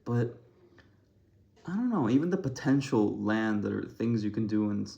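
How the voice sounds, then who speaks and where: A man's voice: fairly low pitch, animated, unhurried, vocal fry, mellow, muffled recording. A young man from Ecuador rambling casually to camera, thinking aloud with many restarts and self-deprecating asides. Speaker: vlogger.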